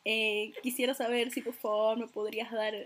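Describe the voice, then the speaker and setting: Woman chatting, kinda high voice, soft and hesitant, lots of um and like. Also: level tone, moderate pace, crowd noise. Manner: soft-spoken, hesitant, rambling with many fillers. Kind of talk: casual chat.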